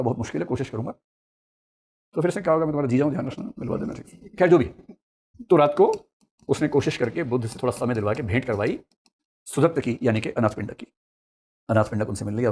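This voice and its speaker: Brisk male storyteller-teacher. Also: medium pitch, slightly rough. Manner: lively storyteller, acts out dialogue in asides. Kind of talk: storytelling lecture.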